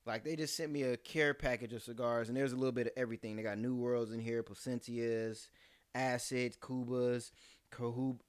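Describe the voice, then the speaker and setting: A man's voice: medium pitch, steady tone, a little fast, clear, resonant tone, dry recording. A man in his twenties hosting a podcast, chatting casually and reading sponsor plugs loosely. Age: 20s. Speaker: podcast host.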